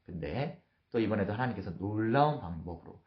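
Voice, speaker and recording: A man's voice: on the low side, lively intonation, a little fast. A male pastor preaching a morning devotional, telling the story vividly and acting out its scenes. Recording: roomy, dull lo-fi sound.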